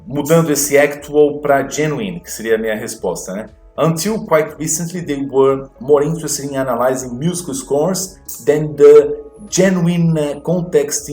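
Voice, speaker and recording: A man teaching an exam walkthrough lesson, explaining slowly and repeating words to model their pronunciation. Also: mid-range voice, a little mellow, reverberant. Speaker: English teacher.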